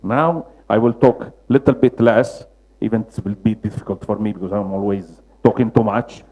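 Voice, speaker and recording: Male lecturer, Roman Italian accent, mellow relaxed tone, halting second-language English. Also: fairly low pitch, highs cut off. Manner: halting non-native English, searching for words. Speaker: lecturer, mosaic restorer. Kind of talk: public lecture with slides.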